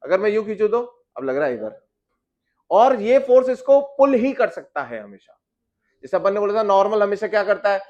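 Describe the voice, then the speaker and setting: A man with a high voice teaches physics in a lecture, putting questions to his students and answering them himself. He talks. The recording is a little dull and lo-fi. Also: sing-song, normal speed. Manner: explains with questions to students, addresses them as beta. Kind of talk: classroom lecture.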